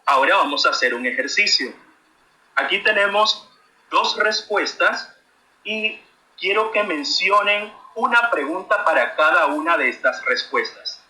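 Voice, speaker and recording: A man's voice: high-pitched, expressive, unhurried, sharp tone, echoey room, rough recording. A man giving a friendly grammar lesson to children and asking them questions. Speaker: teacher.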